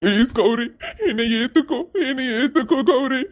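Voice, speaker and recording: A devoted young husband who keeps begging his wife through tears, voiced by a performer. His voice sits high for a man. He sounds desperate but gentle. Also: normal speed, natural voice. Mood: tearful pleading. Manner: begging, tearful.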